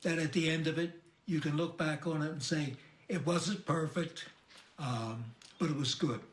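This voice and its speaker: A man in his eighties speaking slowly and haltingly in a home conversation with his grandson, recorded on a phone. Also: a little high. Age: 80s. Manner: halting, gentle, with pauses and restarts. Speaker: grandfather interviewed. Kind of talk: oral-history conversation. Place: living room at home. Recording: roomy home recording, faint hiss.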